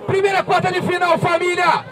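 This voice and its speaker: High-pitched man shouting as battle host. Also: little pitch movement, brisk. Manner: shouted, rallying the crowd. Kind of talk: live hype announcing. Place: outdoor night rap battle. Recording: loud live music and crowd.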